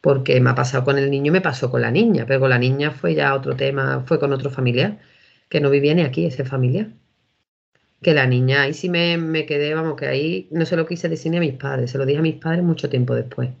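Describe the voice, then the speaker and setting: A woman in her thirties from Seville, with an Andalusian Spanish accent, rambles through her own experiences as an interview guest, often restarting her sentences. Her voice is rumbling low with vocal fry and fairly quick, and the recording is dull and lo-fi.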